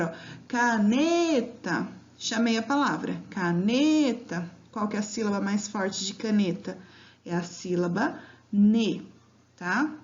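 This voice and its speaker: A woman teacher giving a grammar lesson to children, drawing out words syllable by syllable and checking in with "né?" and "tá?". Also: on the high side. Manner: patient, drawn-out syllables with frequent "né?" and "tá?". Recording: dull lo-fi home recording.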